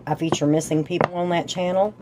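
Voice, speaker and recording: A woman with a fairly low, steady voice talks a little fast over background noise. She's giving a tarot reading and chatting with viewers in a casual, folksy way as the host of her channel. A sore throat and sinus drainage leave her sounding congested and slightly off, her voice breaking up now and then.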